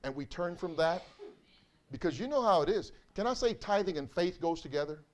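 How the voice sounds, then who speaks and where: A male pastor with a high voice speaks to his congregation in a church. He preaches conversationally, circling back and repeating phrases as he pours out his feelings. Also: lively intonation, fairly quick. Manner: conversational, repetitive, emotional preaching. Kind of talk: sermon. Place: church sanctuary.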